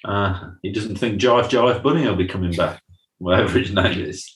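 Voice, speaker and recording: A man's voice: fairly low pitch, normal speed, slight background noise. A man, co-hosting a podcast and chatting casually through a recap, often acting out lines from scenes. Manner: chatty, quotes scenes in funny voices. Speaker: podcast co-host. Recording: roomy echo.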